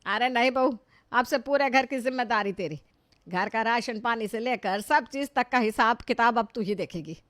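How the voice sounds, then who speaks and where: A woman's voice: a little high, normal speed, a bit bright, lightly acted. A woman voicing a domineering middle-aged mother-in-law who scolds and gives orders. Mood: bossy. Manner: scolding, bossy.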